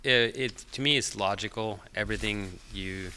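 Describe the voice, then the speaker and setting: A middle-aged man from Finland, a podcast guest whose first language is Finnish, chatting in a relaxed, hesitant way with many fillers. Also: fairly low pitch, normal speed, slight background noise. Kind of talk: casual interview chat.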